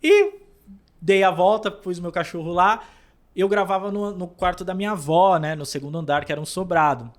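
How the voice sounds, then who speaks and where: A man with a slightly high voice shares a personal faith testimony as a guest. His telling is animated: he jumps up in pitch and loudness, then drops to near-murmurs, and he often stumbles over repeated words. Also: a little fast.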